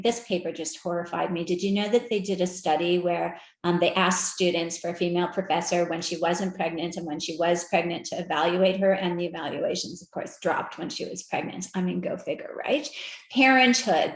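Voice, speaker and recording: A woman giving a conference talk with slides, animated and conversational, often asking the audience direct questions. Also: mid-range voice, echoey room. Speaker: speaker at an equity research event. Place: virtual event.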